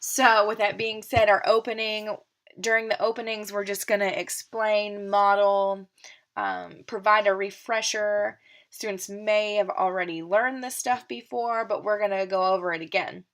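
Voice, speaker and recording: A woman teacher lays out a literacy lesson plan step by step, partly reading it. She sounds steady and methodical at a middle pitch, now and then pausing on a filler.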